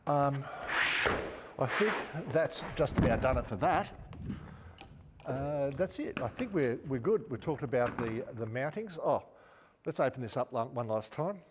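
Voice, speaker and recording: Demonstrating gear with his hands as he talks, an Australian man in his fifties presents for an outdoor gear store in a large indoor showroom. He has a mid-range voice with lively intonation and a measured pace, recorded in a large hall with background noise.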